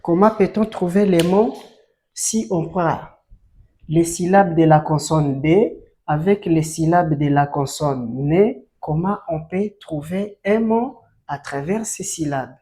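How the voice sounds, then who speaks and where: A French teacher with a medium-pitched, dark voice leads a slow-paced lesson on reading syllables. She sounds each one out in turn, drills them and has learners repeat, and asks them frequent questions.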